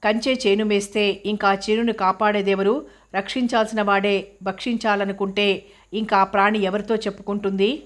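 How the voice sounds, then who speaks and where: Woman voicing a firm older cook, steady and solemn, flat even delivery. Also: medium pitch, normal speed, close to an everyday voice. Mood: resolute. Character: resolute older female cook, calm and defiant.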